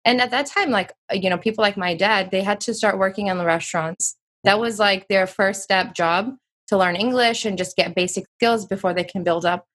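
A woman in her thirties from the U.S. speaks fairly quickly, her medium-pitched voice a little bright. As a guest in casual interview talk, she muses aloud and fills gaps with many fillers.

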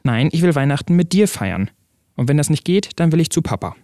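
A man's voice: medium pitch, expressive, normal speed, mellow, no room sound, clean studio sound, close to an everyday voice. A man voicing an upset, stubborn young boy in a story reading, his voice rising and pleading.

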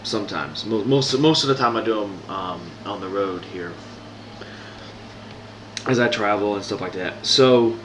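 A man with a lowish voice talks casually through a movie review, hesitating with ums and restarting his sentences. He sits some way from a built-in mic, so an echoey room sound hangs on every word, with a faint hiss underneath. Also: unhurried, fairly bright tone, recorded from a distance. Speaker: podcast host reviewing movies. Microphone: no proper microphone, built-in device mic.

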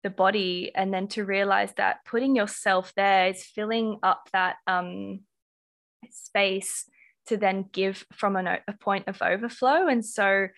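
A woman's voice: medium pitch, steady tone, measured pace, gravelly, fairly bright tone. A woman with an Australian accent hosting a podcast interview, effusive and full of ums. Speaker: podcast host.

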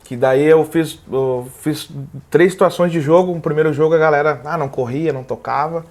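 Guest in his 30s, slightly high voice, lively storyteller who voices the people in his stories. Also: brisk. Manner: animated, acts out quoted dialogue. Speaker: guest, comedy video creator. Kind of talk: casual storytelling chat.

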